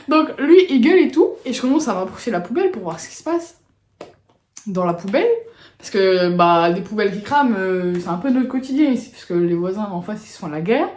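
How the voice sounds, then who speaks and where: A woman's voice: medium pitch, expressive, fairly quick, a little mellow. A woman vlogger telling a story in a casual, slangy, rambling way. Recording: roomy echo.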